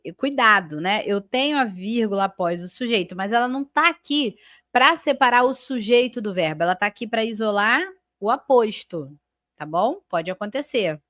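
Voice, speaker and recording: Her voice sits a little high and sounds fairly bright as this Brazilian woman leads a live online grammar lesson in a Brazilian Portuguese accent. Going step by step and pausing frequently to check on her students, she lengthens and emphasizes key words while naming sentence parts. There's no echo, and the audio is studio quality.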